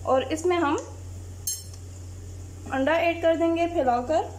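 A woman calmly explaining a recipe step by step as a cooking channel host. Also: extremely high pitch, slow, a little hiss or hum. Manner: calm, plain, methodical. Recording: loud frying sizzle behind voice.

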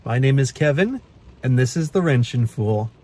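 The recording is very noisy: a man in his thirties from the Pacific Northwest vlogging to camera in his car at night, the phone held at arm's length. He speaks at a moderate pace with lively intonation in a mid-range voice, chatty and matter-of-fact, with plenty of uhs.

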